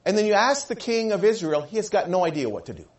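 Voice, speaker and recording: A male pastor delivers a sermon in a high voice that swings widely in pitch. He tells the story with animated energy, dropping in and out of quoted voices as he goes. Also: quick pace.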